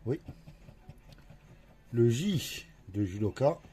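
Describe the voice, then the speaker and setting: Mellow and mid-range, with big swings in pitch, the voice belongs to a scratch-card vlogger. He goes slowly through a lottery ticket letter by letter, making casual remarks to himself as he scratches.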